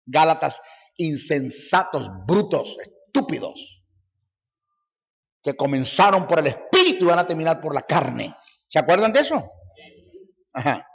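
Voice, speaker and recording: A man preaching a sermon as a Bible teacher, forceful and mocking, hammering his points through repetition, in an echoey hall on a dull, lo-fi recording. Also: a little high, very animated, a little slow, gravelly, pauses often, breathy edge.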